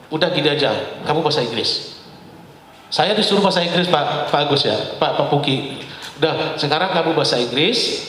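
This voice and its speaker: Man telling a story in an echoey hall. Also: fairly high pitch. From West Sumatra. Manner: lively, laughs often, addresses the host as "Pak". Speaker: guest speaker. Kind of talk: personal storytelling on a talk show.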